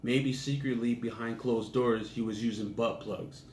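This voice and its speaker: A man's voice: medium pitch, fairly even intonation, a little slow. A young man casually telling a crude personal anecdote in a laid-back, profane way. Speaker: storyteller. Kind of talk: casual storytelling. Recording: echoey room with faint ambient noise.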